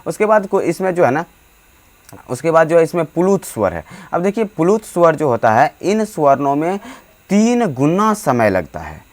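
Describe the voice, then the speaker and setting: A man's voice: a little high, sing-song. Guy explaining grammar to students, lots of umms and restarts, drags out vowel sounds. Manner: halting, many fillers and restarts; drawn-out demonstration vowels. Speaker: teacher. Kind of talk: hindi grammar lesson.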